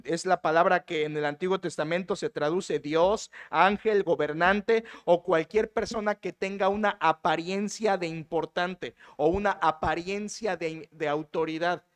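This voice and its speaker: Male pastor with a high voice, teaching a sermon, stretches out key verses. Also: steady tone. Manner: teaching, addresses congregation as brothers, rhetorical questions; slows and stresses key phrases when reading scripture.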